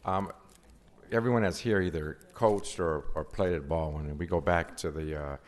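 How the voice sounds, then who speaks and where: A man's voice: sits low, moderate pace, slight background noise. A mature man making informal public remarks as a guest speaker, hesitant and restarting his phrases. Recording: echoing hall with crowd behind.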